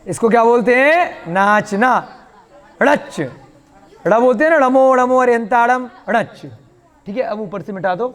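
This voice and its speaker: High-voiced teacher in a reverberant room. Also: male voice, a little slow. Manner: patient, explains with questions and playful asides. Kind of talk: online language class.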